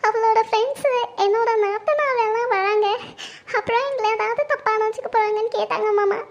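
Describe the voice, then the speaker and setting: A woman's voice: very high-pitched, a little fast. A woman playing a young wife who pleads tearfully with her husband about her mother-in-law. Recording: dull lo-fi recording.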